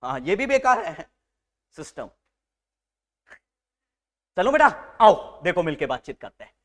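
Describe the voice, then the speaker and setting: A man teaching a live nursing class to a room of students, lively and teasing, mixing English medical terms into his speech. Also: high-pitched, a little slow. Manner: animated, teasing, mixes Hindi with English terms.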